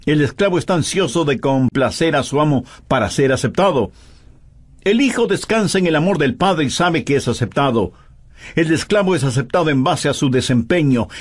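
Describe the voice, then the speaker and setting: A man's voice: fairly high pitch, husky. A man preaching a sermon in a voice-over, emphatic and full of pointed rhetorical questions.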